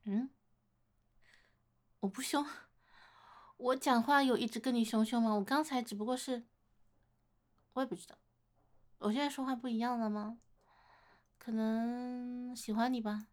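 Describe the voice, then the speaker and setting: A slow, fairly high-pitched, soft-spoken older-sister figure, played by a woman in a romantic role-play audio. She teases and coaxes her admirer playfully, drawing out her words with gentle affection. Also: fairly even intonation, natural voice. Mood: teasing, coaxing. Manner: coaxing, playful teasing, gentle laughter. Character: teasing, affectionate older-sister woman wooed by a younger man.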